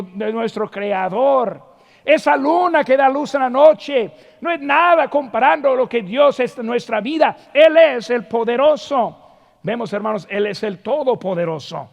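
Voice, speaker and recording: A male pastor preaching a sermon, emphatic, repeating key phrases and swinging between loud calls and hushed words. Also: extremely high pitch, vocal fry, long reverb tail. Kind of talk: Spanish-language sermon. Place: church sanctuary.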